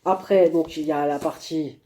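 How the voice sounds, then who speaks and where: A man's voice: fairly high pitch, steady tone, normal speed, mellow, a little hiss or hum. A man giving a spontaneous face-to-camera book review, hesitating often with fillers and restarts. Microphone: camera mic.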